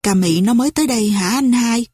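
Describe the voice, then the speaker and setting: A woman voicing a young woman hiding in a cave during wartime, speaking softly and pleadingly. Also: a little high, quick pace, husky, no room sound, studio quality. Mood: anxious.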